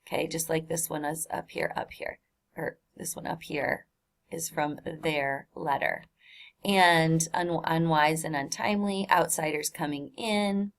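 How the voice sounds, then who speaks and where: A woman's voice: low voice, fairly even intonation, unhurried, creaky. A woman teacher explaining a text in a recorded online lesson, in a casual, chatty way with many fillers.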